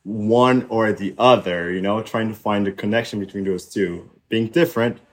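A young man who grew up in Haiti speaks in a low, fairly deep voice. He talks reflectively, pausing on fillers and restarting his sentences, in a relaxed podcast conversation. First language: French and Haitian Creole. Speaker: podcast guest. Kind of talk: casual conversation.

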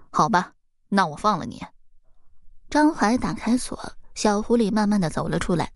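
A woman reading a folk tale aloud in an expressive storybook narration. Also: medium pitch, no room sound, studio quality.

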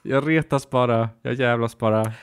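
A man's voice: mid-range voice, clear, resonant tone. A man co-hosting a podcast, chatting casually, teasing and giggly, candid about awkward topics. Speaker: podcast co-host. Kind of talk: casual chat.

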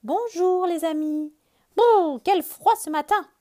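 A woman's voice: very high-pitched, takes it slowly, warm tone, pitched above the performer's own voice. A woman voicing a cheerful, hopeful male bird with a sing-song manner in a children's story. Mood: chirpy.

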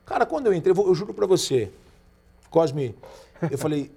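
At a moderate pace, a Brazilian man in his forties tells anecdotes on a podcast in a slightly high voice that's creaky with a breathy edge. The chat is casual and lively, and he mimics the voices of those he quotes.

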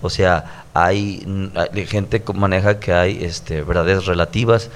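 Low-voiced Mexican pastor talking earnestly. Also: male voice, fairly even intonation, slow pace, slight background noise. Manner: earnest, preachy, stacked repetitions. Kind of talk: conversational preaching.

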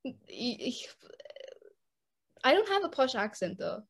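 A woman's voice: sits high, big pitch swings, measured pace, creaky, slightly rough. A teenage girl from Indonesia in casual chat, talking in a rambling, giggly way. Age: teens.

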